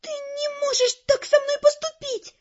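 Give me a hysterical young sorceress, shrill and tearful, voice pushed well above the narrator's own, as a woman puts her on in an audiobook. The recording is dull and lo-fi. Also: little pitch movement, measured pace, a little mellow. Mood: shrill angry. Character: pretty, hysterical young woman, air mage. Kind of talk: audiobook character voice.

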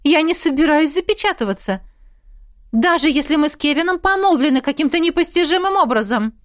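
A woman reading an audiobook plays a stubborn young heroine who answers in short, exasperated lines. Her voice is high and sits close to the mic. The sound is dry. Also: expressive, brisk, no room sound. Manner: curt, exasperated replies.

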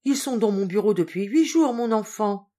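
A woman voicing an excitable, warm-hearted old male general in an audiobook, speaking emphatically. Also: mid-range voice, normal speed, natural voice. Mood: agitated.

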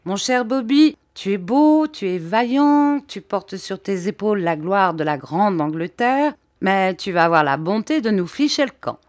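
A woman's voice: mid-range voice, animated, unhurried, few pauses, a little mellow, no echo, lightly acted. A woman reading an audiobook, voicing a bold, stubborn Parisian companion who talks in a familiar, teasing way. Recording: dry close audiobook recording.

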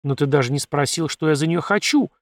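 A man's voice: fairly high pitch, a little fast, no room sound, clean studio sound. A man voicing a suspicious, whiny little male desert scavenger who grumbles and pleads. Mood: grumbling.

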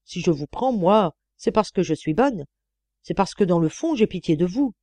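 A woman's voice: on the low side, animated, moderate pace, dark tone, no echo. A woman reading an audiobook voices a cruel, scornful old woman who is hiring a maid, speaking in an imperious, cutting manner. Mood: outraged.

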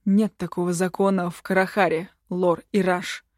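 A woman's voice: lowish voice, level tone, moderate pace, a little mellow, dry recording, clean studio sound, natural voice. A woman voicing a proud nobleman who defies the emperor with firm, raised declarations. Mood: defiant. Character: proud defiant nobleman, a father standing up to the emperor.

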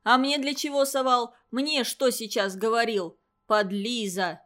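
A woman's voice: fairly high pitch, fairly even intonation, a little slow, a bit bright. A woman voicing a sullen, defiant schoolboy who answers back angrily. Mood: sullen angry.

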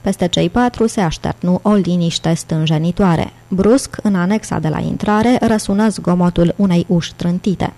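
A woman reads an audiobook aloud with a steady, measured delivery. Her voice sits fairly low. Its tone is mellow and warm rather than bright. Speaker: audiobook narrator. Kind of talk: audiobook narration.

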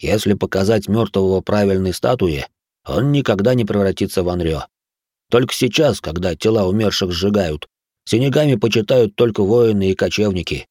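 Guy doing a jittery superstitious raccoon, hissy nervous warnings, voice pushed up higher. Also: expressive, moderate pace, a little mellow, dry recording, clean studio sound. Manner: nervous, hissing, fearful. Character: jumpy superstitious male raccoon spirit.

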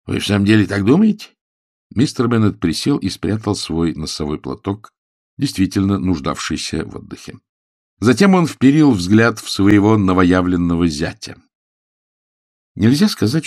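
A male audiobook narrator reads with expressive, animated storytelling. His voice sits low but moves over a wide pitch range. The recording is dry and close. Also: moderate pace, no room sound. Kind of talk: scripted narration.

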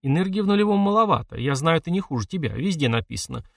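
A man's voice: fairly high pitch, lively intonation, racing, gravelly, dry recording, voice pushed up. Sarcastic young hero as a male narrator plays him, mocking, pushy, dry slightly distant sound. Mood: needling. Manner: mocking, needling.

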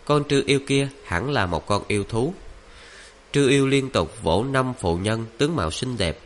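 A man narrating a fantasy novel in a steady, even reading voice. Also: mid-range voice, moderate pace, a little hiss or hum.

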